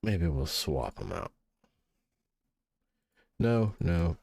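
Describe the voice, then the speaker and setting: A man hosting a gaming channel, musing through relaxed gameplay commentary and sounding sleepy. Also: low voice, very slow, gravelly, no echo. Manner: mellow, musing, thinks aloud with restarts. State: sleepy, yawning.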